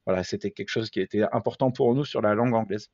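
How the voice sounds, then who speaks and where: A man who is a father speaks as an interview guest in a fairly low, fast, slightly mellow voice. His talk is casual and hesitant, full of fillers and restarts, and he sometimes pokes fun at himself and laughs at his own expense. The sound is slightly dull and lo-fi.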